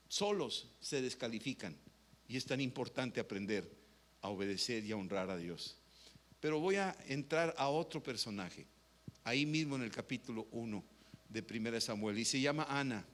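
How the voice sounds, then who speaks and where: A man's voice: mid-range voice, a bit bright. A man preaching a sermon in a conversational way, often asking rhetorical questions.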